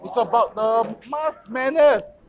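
Singaporean accent, Singlish slang, casual group chat, middle pitch. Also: slow pace. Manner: Singlish, colloquial with local particles and slang.

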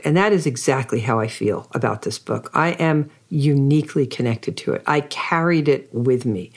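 A woman hosting an author interview, reading a prepared introduction and then asking effusive, admiring questions. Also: sits low. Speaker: podcast host interviewing an author.

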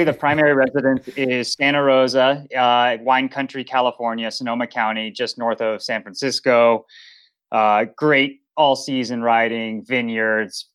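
A man's voice: medium pitch, fairly bright tone, clear, resonant tone. A man from Colorado, a professional cyclist, chatting as a podcast guest in an easygoing way with frequent fillers. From Colorado, United States. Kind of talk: casual interview chat.

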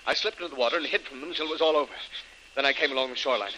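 A man playing a rapid-fire messenger sailor. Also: medium pitch, pushed and bright, slight background noise, lightly acted, low-quality recording. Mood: urgent. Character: breathless male sailor bringing bad news. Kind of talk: 1930s radio drama acting.

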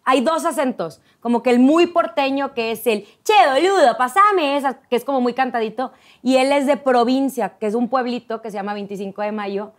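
A woman's voice: a little high, brisk, hardly any pauses. A woman, telling stories as a guest in a casual chat. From Monterrey, Mexico. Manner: chatty storyteller, animated.

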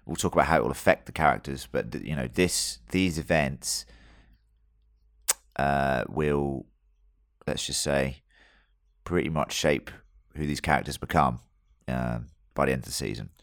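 A man with an extremely deep voice, captured dry. He co-hosts a casual review chat, feeling his way through each thought in a matey, jokey, sweary manner. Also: measured pace, creaky, dry recording. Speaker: podcast co-host.

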